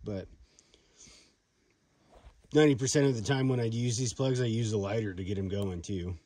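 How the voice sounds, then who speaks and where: A man's voice: lowish voice, normal speed, warm tone. A man giving a casual, unscripted outdoor product demonstration, talking in a hesitant, folksy, rambling way with some swearing. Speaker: product reviewer demonstrating fire starting. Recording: clearly noisy outdoor recording with clicks.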